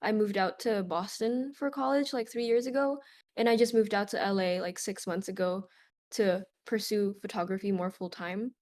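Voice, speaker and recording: Young woman, from Indonesia, Indonesian native, relaxed chatty answers, mid pitch. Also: normal speed. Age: young adult. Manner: relaxed, chatty, many "like" fillers. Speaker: guest concert photographer. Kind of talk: casual interview answers.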